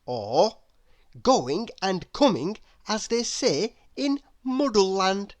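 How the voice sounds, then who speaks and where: A children's storybook is read aloud by a woman whose voice sits at medium pitch. Her delivery is deliberate and expressive, like a storyteller's.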